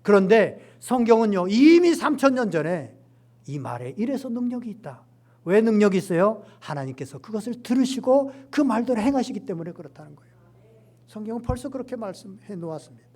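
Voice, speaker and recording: A middle-aged man preaching a Sunday sermon as pastor, animated and acting out quoted lines with rising emphasis. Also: high voice, a little fast.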